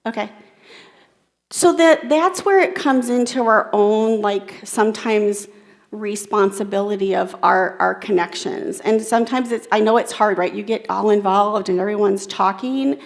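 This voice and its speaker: A woman's voice: mid-range voice, normal speed, creaky. A woman giving a keynote talk, drawing in the audience and repeating their comments back to them. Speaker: keynote speaker.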